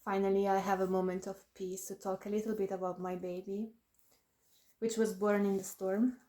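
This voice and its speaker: A woman's voice: medium pitch, dark tone. A woman author chatting casually to camera about her new book, laughing often and making self-deprecating asides.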